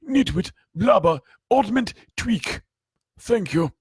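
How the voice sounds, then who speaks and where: A man's voice: high voice, animated, takes it slowly, breathy edge, no echo, clean studio sound, pitched above the performer's own voice, exaggerated voice. A man doing a jovial old wizard headmaster.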